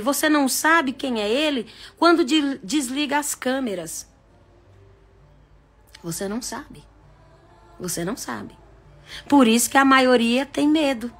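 A woman with a high voice hosts a casual live stream. She talks frankly, with jokes and asides, and speeds up or drags her words for emphasis. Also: fairly bright tone. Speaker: psychic live-stream host.

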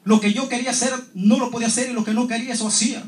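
High-voiced man giving an impassioned church testimony. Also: fairly even intonation, rapid-fire. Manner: impassioned, keeps addressing the congregation as holy brothers. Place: church hall. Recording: echoey church hall.

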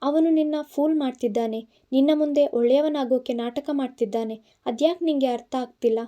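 A woman's voice: high-pitched, normal speed, dark tone, close to an everyday voice. A woman reading the part of an angry, protective young man in an audiobook, scolding and insistent. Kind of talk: audiobook narration.

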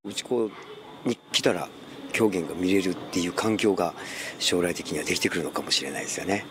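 A man's voice: deep voice, a little fast. A man in his sixties, a traditional theatre instructor, giving an unscripted interview answer. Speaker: kyogen master and instructor. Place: wooden theatre stage indoors. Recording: clearly noisy location recording.

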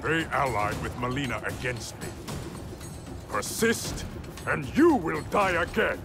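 A man's voice: mid-range voice, very animated, measured pace. A man playing a proud warrior emperor in a video game, speaking in a formal, stately, commanding way. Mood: stern. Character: proud, regal male warrior emperor of an otherworld realm. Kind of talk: dramatic video game cutscene acting. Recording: music behind the voice.

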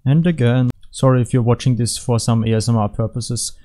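A man giving rambling, deadpan, joking commentary over video game footage from his computer at home. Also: medium pitch, fairly quick. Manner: deadpan, rambling, jokey asides. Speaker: gaming commentator.

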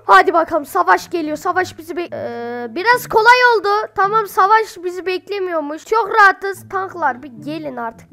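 A woman giving chatty let's-play game commentary, excitable and quick to burst into loud exclamations, speaking while sick. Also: very high voice. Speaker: gamer.

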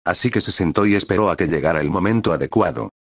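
A man narrating a fan fiction story in a steady storytelling manner. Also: low voice, fast talker, slightly rough, no room sound, studio quality.

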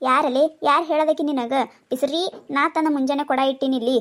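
A cranky old village granny, voiced by a woman, mutters curses and scolds her neighbours in a thick North Karnataka accent. The voice sits very high and the words rattle out fast. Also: steady tone, lightly acted. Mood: cursing. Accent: North Karnataka Kannada. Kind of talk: cartoon voice acting.

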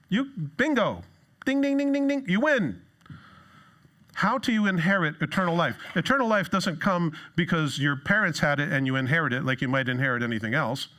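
Middle aged guy preaching in church, sarcastic, bouncy, does funny high voices for quotes. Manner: lively, jumps into a high voice for quoted lines. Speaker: pastor. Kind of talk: sermon. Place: church stage.

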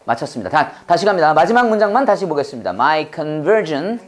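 A man teaching a Bible English class, leading call-and-repeat drills and quizzing his students in an animated, chatty way, with frequent laughs. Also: on the high side, brisk.

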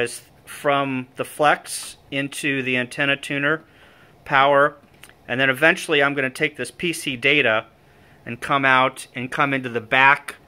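An amateur radio hobbyist, a man with a medium-pitched, smooth, sharp-toned voice, gives an informal and slightly hesitant hands-on walkthrough of his equipment, thinking aloud as he goes. He's in an indoor room with gear on folding tables, recording on the handheld phone or camera he holds.

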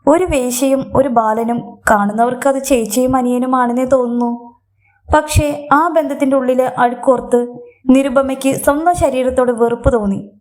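A woman narrating a scripted story in a steady, measured reading. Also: high voice.

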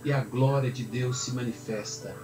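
A man's voice: mid-range voice, fairly even intonation, normal speed. A man, a pastor explaining a Bible passage in a conversational way, in a roomy space with faint music behind. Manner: explanatory, conversational, uses tag questions. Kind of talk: Bible teaching sermon.

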